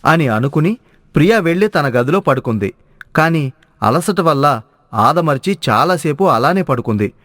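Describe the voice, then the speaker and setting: A man narrating a cartoon story in a steady storytelling way. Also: on the high side, normal speed, no room sound, clean studio sound.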